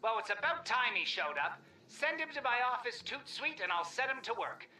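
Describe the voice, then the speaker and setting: An actor voicing a brisk, wisecracking male boss. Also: extremely high pitch, sing-song, bright, forceful tone, reverberant, slight background noise, exaggerated voice. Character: joking male boss in his office.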